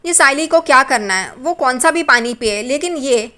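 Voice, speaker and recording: A woman's voice: sits high, lively intonation, moderate pace, sharp tone. A woman narrating an episode recap of a TV serial, adding gossipy asides that judge the characters.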